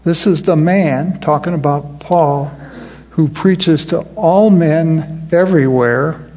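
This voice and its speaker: A man's voice: fairly high pitch, vocal fry, darkish tone, breathy edge. A man preaching a sermon in a conversational style, often restarting his sentences.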